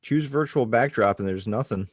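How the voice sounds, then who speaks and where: A man's voice: on the low side, normal speed, crowd noise. A man on a video call, puzzled and chatty about missing settings. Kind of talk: casual video-call chat.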